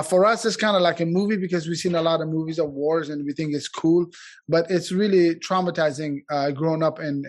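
A man from Afghanistan speaks unscripted at a community event, his voice slightly high. He's earnest but halting, restarting often and filling gaps with fillers.

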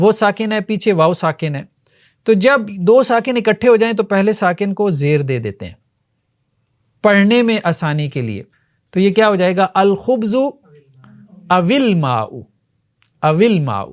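Guy teaching grammar, kinda high voice, keeps asking the class stuff and repeating words. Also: animated. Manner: explanatory, asks the class questions; repeats key terms slowly. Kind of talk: Arabic grammar lesson.

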